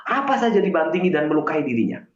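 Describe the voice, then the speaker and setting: A man's voice: a little high, big pitch swings, fast. Hesitant man on an echoey stream. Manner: hesitant, frequent fillers and restarts; earnest and confessional. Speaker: guest on a live stream, self-styled healer. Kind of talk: casual storytelling on a live stream. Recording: echoey, dull lo-fi stream audio.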